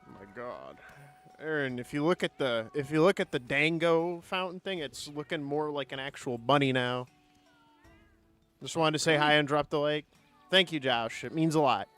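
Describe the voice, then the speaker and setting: Young man, gaming streamer, slightly high voice, swears a lot, teasing, faint game music behind. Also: normal speed, fairly bright tone. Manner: profane, teasing, talks to chat. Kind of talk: casual gaming chat with friends.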